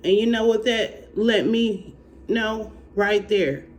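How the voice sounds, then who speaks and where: A speaker from Alabama with a country Southern accent, talking slowly and haltingly in a personal faith testimony and encouragement vlog. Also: mid-range voice. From Alabama, United States. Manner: slow, halting country drawl. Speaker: faith vlogger.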